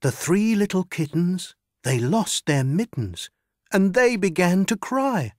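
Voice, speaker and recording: Woman, low expressive storyteller, slow, dry. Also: dry recording. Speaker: rhyme reader. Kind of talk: nursery rhyme recitation.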